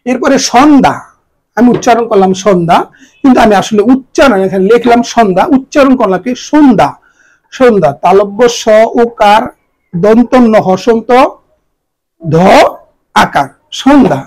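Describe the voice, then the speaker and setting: Teacher spelling out words, letter by letter. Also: male voice, very high voice, normal speed, a little mellow, poor audio. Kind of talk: exam-prep grammar lesson.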